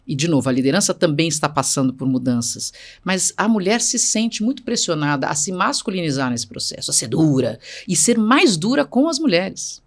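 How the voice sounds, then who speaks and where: A woman's voice: fairly low pitch, sing-song, normal speed, hardly any pauses. A middle-aged woman speaking as a guest in an interview, emphatic and assertive, repeating points for stress. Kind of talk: conversational interview.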